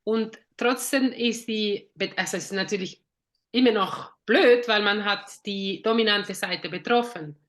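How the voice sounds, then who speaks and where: A woman's voice: medium pitch, a little slow. A woman therapist in a casual journal-club discussion, thinking aloud with fillers and self-corrections.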